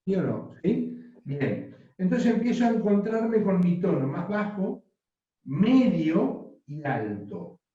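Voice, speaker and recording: A man's voice: high-pitched, sing-song, slow pace, warm tone. A man teaching a voice workshop, often checking with the class. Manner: instructive, asks the class frequent yes-or-no checks. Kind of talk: voice and speaking workshop. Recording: distant mic in an echoey, dull-sounding room.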